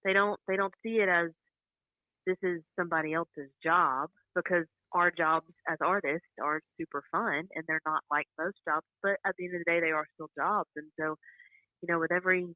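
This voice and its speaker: A country singer from North Carolina talking on a telephone line in a casual interview, chatty and quick to laugh. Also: female voice, on the low side, fairly even intonation, no echo. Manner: chatty, laughs often between points. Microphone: phone. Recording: dry, tinny telephone line.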